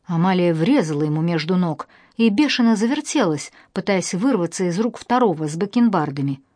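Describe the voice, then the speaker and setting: Woman audiobook narrator, wry and lively, lowish voice, dry studio sound. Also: fairly quick, no room sound. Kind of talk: first-person audiobook narration.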